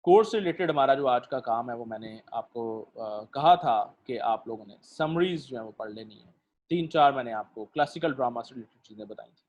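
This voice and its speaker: Man lecturing slowly, with many fillers. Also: medium pitch. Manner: explains slowly with many pauses and fillers, asks students questions. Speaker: literature lecturer. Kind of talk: online lecture.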